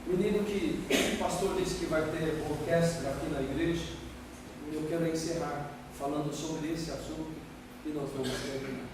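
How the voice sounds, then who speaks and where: A middle-aged preacher from Brazil with a high voice leads his congregation in loud call-and-response chants. He sounds far from the mic in a large church with a long echo. Room noise and the crowd's replies are heard behind him. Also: normal speed. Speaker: guest preacher. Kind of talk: sermon.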